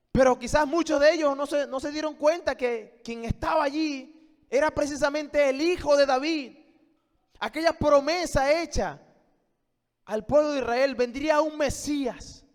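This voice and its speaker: A male pastor preaching a sermon, moving between hushed and emphatic lines with rhetorical questions. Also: very high voice. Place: church. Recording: long church reverb.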